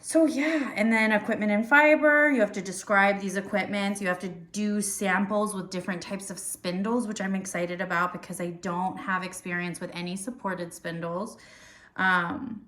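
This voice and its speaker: A woman's voice: medium pitch, steady tone, normal speed, fairly bright tone. A woman hosting a podcast in casual chat, rambling with lots of fillers and restarts. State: hiccuping. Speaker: podcast host. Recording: roomy echo.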